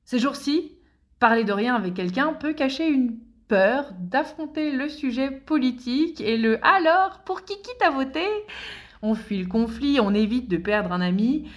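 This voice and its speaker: Playful, chatty woman columnist with a high voice. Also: moderate pace. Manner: playful, chatty, with comic asides. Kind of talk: humorous scripted column.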